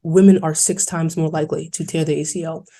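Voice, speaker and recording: A young woman from New York City, a college basketball player, telling her story in an earnest, fast-flowing way on a podcast interview. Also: low voice. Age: young adult. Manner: earnest, fast-flowing, quoting others in lively voices.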